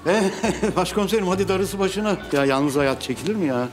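An actor playing an older groom who chats warmly and teases his friend. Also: sits high, lively intonation, fairly quick, faint music behind. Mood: chatty. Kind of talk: TV drama acting.

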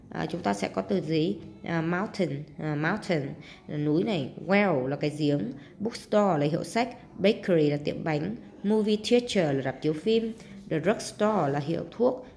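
Low-leaning, gravelly and darkish, this woman's voice carries a Southern Vietnamese accent as she guides students through homework. Step by step she translates English words and ends sentences with particles, against a faint hiss or hum.

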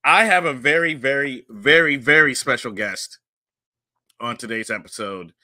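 A middle-aged man from Pennsylvania, hosting a podcast in a relaxed, chatty way with many fillers, on a studio mic. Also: medium pitch, moderate pace, no room sound. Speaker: podcast host and comedian. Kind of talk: casual podcast chat. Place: home studio room with posters. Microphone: studio mic on a boom arm with headphones.

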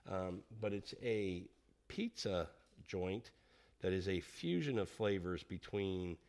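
A man co-hosts a podcast in an easygoing chat, often restarting his sentences as he rambles along. His voice sits a little low and relaxed. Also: takes it slowly. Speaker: podcast co-host. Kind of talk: casual chat.

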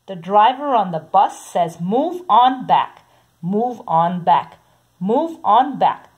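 Slow, husky woman reading a picture book. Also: mid-range voice, expressive, narrow, tinny audio. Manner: slow, sing-song read-aloud with soft repeated sounds. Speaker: storybook reader.

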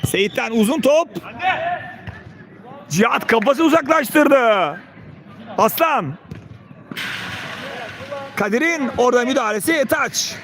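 A man's voice: expressive, slow, long pauses, a bit bright. A man giving live play-by-play football commentary in short calls of players' names. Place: outdoors beside a football pitch. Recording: outdoor pitch with players and crowd behind.

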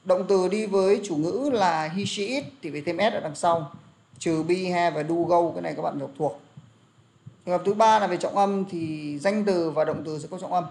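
High-voiced man teaching pronunciation. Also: normal speed, creaky, darkish tone. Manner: repetitive, drills words aloud, many fillers like "đó". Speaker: English teacher. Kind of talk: classroom lesson explaining pronunciation. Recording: faint background noise and clicks.

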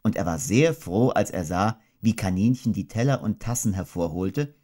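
A man narrating a children's audiobook in a gentle, measured storytelling manner. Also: fairly low pitch, expressive. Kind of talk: scripted children's book narration.

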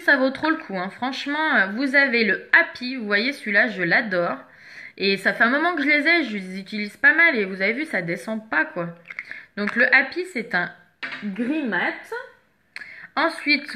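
Slow-talking bright-voiced woman showing makeup. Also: on the high side. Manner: chatty, searches for products while talking. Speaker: makeup seller presenting products. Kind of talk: casual makeup product show-and-tell.

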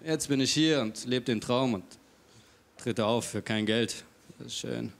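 A man doing a stand-up comedy set on stage before a live audience, with cheeky, deadpan self-mockery. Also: medium pitch, unhurried, gravelly.

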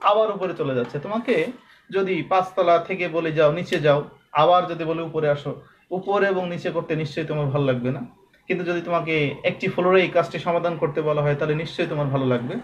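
A man from Bangladesh teaching a lesson, explaining patiently and slowly drawing out sounds as examples. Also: high voice, slight background noise. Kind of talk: recorded classroom lesson.

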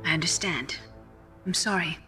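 A woman's voice: on the low side, normal speed, over music, lightly acted. A woman playing a cool, knowing military adviser in a video game. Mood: cool, guarded. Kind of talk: dramatic video game acting.

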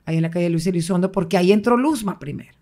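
A middle-aged woman, telling family stories as an interview guest in a lively way, acting out quoted voices and laughing often. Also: fairly low pitch, racing. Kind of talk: casual storytelling interview.

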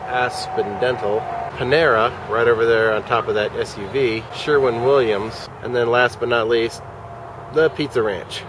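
Standing outside a shopping center, this forties-aged male vlogger mutters wry asides in a dry, meandering running commentary, his voice at medium pitch. The handheld camera, held at arm's length in the parking lot, picks up traffic and outdoor sound around him.

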